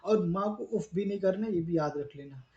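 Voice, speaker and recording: A man's voice: sits high, moderate pace, darkish tone, roomy sound, lo-fi sound. A man answering viewer questions in a live advice talk, earnest and explaining step by step while repeating his points.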